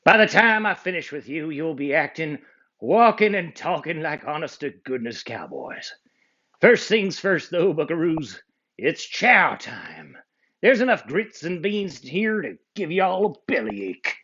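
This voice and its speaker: A hearty, folksy cowboy leader, as a man reads him aloud. His voice rises with booming, lively cheer. The recording is muffled and lo-fi. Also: a little slow, breathy edge, exaggerated voice.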